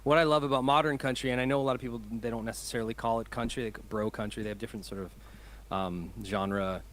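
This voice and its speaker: A man's voice: mid-range voice, steady tone, fast, a bit bright, slight background noise. A man who is a musician, chatting in an interview over a video call, enthusiastic and rambling, often laughing. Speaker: musician guest. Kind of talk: casual interview chat.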